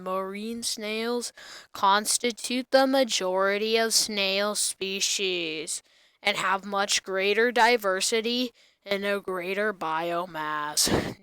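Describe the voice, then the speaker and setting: A child host reads an article aloud at a slow pace, in a flat monotone. The voice is clean and smooth, with a dry, close sound free of room echo. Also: mid-range voice. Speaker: host of a snail facts show. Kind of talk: reading an encyclopedia article aloud to viewers.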